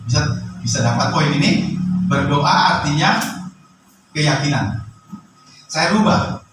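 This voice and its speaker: A man pastor preaching a sermon, bursting into loud rising phrases and asking the congregation questions. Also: fairly high pitch, animated, takes it slowly, heavy reverb, far from the mic, music in the background, rough recording.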